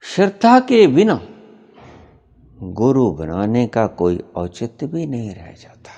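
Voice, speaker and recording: A man giving a spiritual discourse as a teacher, explaining slowly and deliberately and repeating his key points for emphasis. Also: medium pitch, big pitch swings, mellow. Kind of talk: spiritual discourse answering a question.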